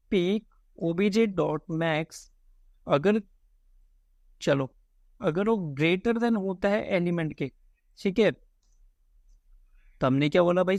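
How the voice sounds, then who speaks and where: A man teaching code in a relaxed, chatty way, thinking aloud as he types and often calling his viewers "guys". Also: high-pitched, dry recording. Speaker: coding tutor. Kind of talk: casual screen-recorded coding lesson.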